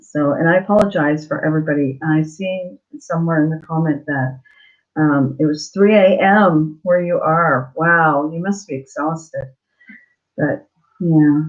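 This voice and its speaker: Halting woman livestreamer, swollen mouth after dental surgery. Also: low voice. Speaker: livestream host. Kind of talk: casual live chat greeting viewers. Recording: dull lo-fi livestream audio.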